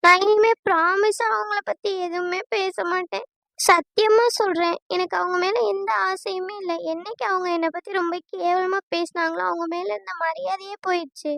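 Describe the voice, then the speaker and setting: An anxious young bride in a cartoon, voiced by a woman, pleading and apologetic. Her voice is very high and thin, recorded close and dry. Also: steady tone, normal speed, fairly bright tone, no room sound.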